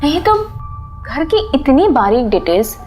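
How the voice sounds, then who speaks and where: An actress playing a calm, probing police investigator in a crime TV drama. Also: female voice, sits high, slow, faint music behind, full character voice.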